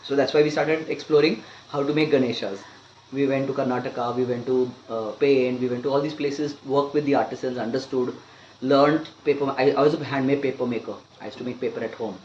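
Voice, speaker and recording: A man's voice: medium pitch, steady tone, brisk, darkish tone. In an echoey room with faint noise behind him, an Indian-accented man in his fifties talks at a conversational interview pace. His English is educated and articulate, dotted with small asides, and the sound is a little dull. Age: 50s. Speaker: interview guest, wildlife biologist and conservationist. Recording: roomy, muffled, faint background noise.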